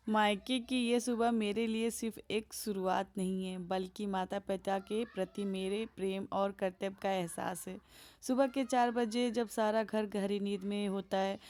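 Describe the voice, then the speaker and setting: A woman vlogger narrating her daily chores in a homely, chatty voice-over. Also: mid-range voice. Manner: homely, chatty, gentle storytelling.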